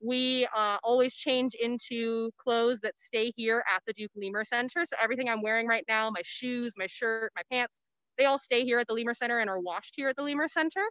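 A woman gives an informal educational tour through a face mask. Her voice is fairly high and smooth, with plain-worded explanations. It comes over a dry, slightly dull video-call connection. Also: brisk, a bit bright, no echo. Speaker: animal care educator giving a virtual tour. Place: outdoors in woodland, on a video call.

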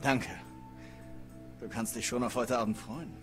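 An actor voicing a cheeky young blacksmith's son in a medieval game, over game music. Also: male voice, medium pitch, steady tone, unhurried, lightly acted.

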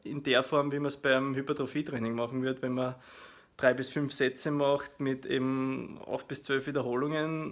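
A man in his thirties with an Austrian German accent casually explains his workout to camera, in a hesitant, explanatory way with frequent filler pauses. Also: mid-range voice, fairly bright tone. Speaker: fitness vlogger. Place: small living room at home, indoors. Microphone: phone at arm's length.

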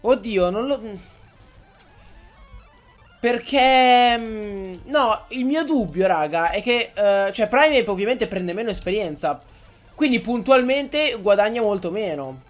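A young man giving excitable Let's Play commentary, swearing and yelling at the game as he plays. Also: high-pitched, takes it slowly, soft background music. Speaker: gaming YouTuber.

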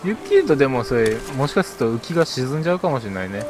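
A man's voice: mid-range voice, very animated, racing, music in the background. A man chatting casually as the host of an outdoor fishing video. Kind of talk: casual chat. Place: outdoors on a windy concrete breakwater at night.

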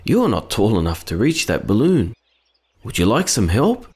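A man's voice: on the low side, wildly swooping pitch, normal speed, darkish tone, slight background noise. A man voicing a kind, wise cartoon friend who guides children in an earnest, encouraging, instructive way. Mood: friendly. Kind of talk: children's educational cartoon acting.

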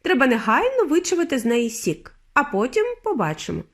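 A woman voicing an eccentric male candy maker who sighs and sounds apologetic, pitched lower than her narration. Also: wildly swooping pitch, brisk, heavily acted. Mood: rueful.

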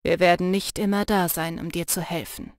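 A woman's voice: steady tone, normal speed, dry recording, studio quality, lightly acted. A woman voicing an intense, protective young male shapeshifter in an audiobook, earnest and urging. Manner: low, earnest and urging, soft when teasing. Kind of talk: audiobook character voice.

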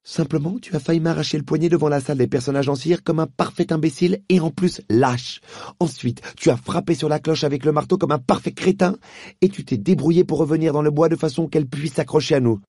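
Spirited young girl, sarcastic and quick, as a male reader puts her on. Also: a little high, dark tone, dry recording, studio quality, voice pushed up. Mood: indignant. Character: spirited young London girl, sharp-tongued.

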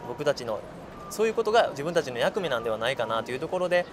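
A man in his thirties, a former player now company director, answering politely and in measured terms on a cafe terrace. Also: mid-range voice, sing-song, crowd noise. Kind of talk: interview answer. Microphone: lapel mic. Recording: noisy terrace behind.

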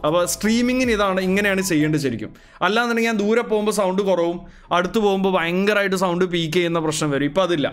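Male streamer from Kerala, high-pitched, relaxed live chat with viewers, calling them bro. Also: very fast, clear, resonant tone, faint music behind. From Kerala, India. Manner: chatty, greets viewers and answers chat, calls them bro. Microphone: calibrated streaming mic.

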